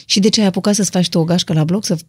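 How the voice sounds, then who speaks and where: Chatty woman host asking quick questions. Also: fairly low pitch, darkish tone, slightly rough. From Romania. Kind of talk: casual podcast interview.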